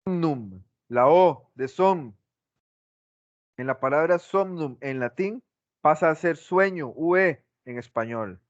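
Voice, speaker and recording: A man's voice: on the high side, animated, takes it slowly, dry recording. A male teacher giving a class lecture, asking the class questions and repeating his examples, on a dull lo-fi recording.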